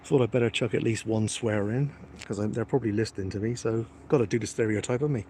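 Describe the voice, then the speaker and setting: A man with a lowish, mellow voice talks quickly while live-streaming on his phone outdoors by the water. Holding the phone in his hand, he chats casually with viewers, cheeky and joking at his own expense. There's slight background noise.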